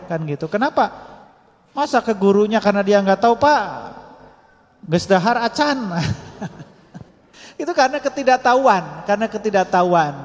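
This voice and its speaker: High-voiced male preacher, reverberant hall. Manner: chatty, teasing, addresses women listeners directly. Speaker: religious teacher. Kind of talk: casual Friday religious talk.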